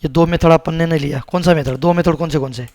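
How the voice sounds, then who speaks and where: Typing through a recorded coding tutorial, a programming instructor with a sore throat keeps repeating words and asking his audience questions. He speaks quickly in a slightly high, darkish voice with fairly even intonation, and the recording is dry.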